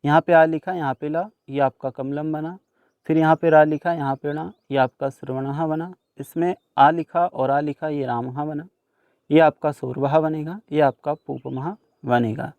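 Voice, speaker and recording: Slightly high-voiced man teaching students. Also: steady tone, measured pace, dry recording, narrow, tinny audio. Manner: patient, explains each answer in turn, addresses students directly. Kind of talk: step-by-step workbook lesson.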